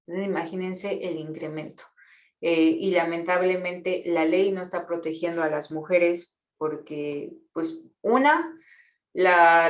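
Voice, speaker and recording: A woman with a Mexican accent, an activist earnestly explaining things to students, often pausing with fillers and repeated words. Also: fairly low pitch, echoey room. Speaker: guest speaker, feminist activist.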